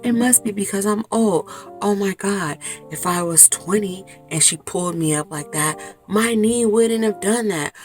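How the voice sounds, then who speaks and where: A woman in her forties chatting to camera from inside a small clothes closet, telling a story in a chatty, expressive way. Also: medium pitch, measured pace, faint music behind. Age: 40s. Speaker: vlogger. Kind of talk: casual chat to camera.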